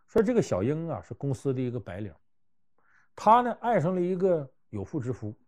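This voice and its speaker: Animated male storyteller. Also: fairly high pitch, a little fast. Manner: animated, conversational, swings between loud and hushed. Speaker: storyteller giving life advice. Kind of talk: anecdotal storytelling talk.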